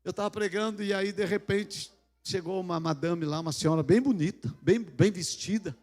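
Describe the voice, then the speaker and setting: High-voiced Brazilian pastor in a reverberant hall. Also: male voice, moderate pace. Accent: Brazilian Portuguese. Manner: animated, acts out dialogue with God, joking asides. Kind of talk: storytelling sermon. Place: large church hall.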